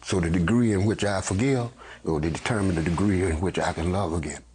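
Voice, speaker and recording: A man with a husky voice speaking slowly and reflectively in a documentary interview. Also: low voice, darkish tone. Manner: slow, reflective.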